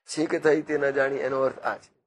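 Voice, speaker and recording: A man giving a devotional discourse, teaching through slow, repetitive parables and acted-out quotes. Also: medium pitch, level tone, slight background noise. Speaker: spiritual speaker.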